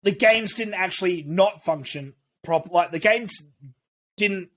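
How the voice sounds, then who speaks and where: A man's voice: high voice, a little slow, fairly bright tone. A man co-hosting a casual podcast, rambling through his views with frequent restarts and cheerful swearing. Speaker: podcast co-host. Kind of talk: casual chat.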